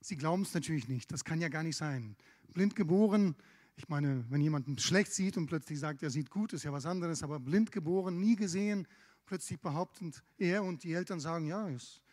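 A man's voice: fairly high pitch, darkish tone. A man preaching a sermon, retelling scripture in a conversational way with casual asides. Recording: long hall reverb.

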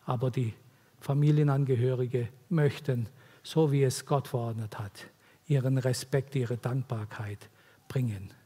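A man's voice: mid-range voice, steady tone, unhurried, warm tone, slightly rough. A man preaching an earnest, pleading sermon to mothers in a church, his delivery swelling and dropping. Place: church hall. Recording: long hall reverb.

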